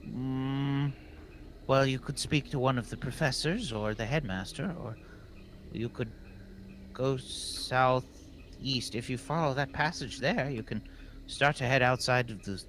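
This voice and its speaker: A man's voice: medium pitch, steady tone, measured pace, fairly bright tone, a little hiss or hum, pitched above the performer's own voice, lightly acted. A man voicing a whiny, absentminded male scholar in robes, talking in a fussy, distracted way.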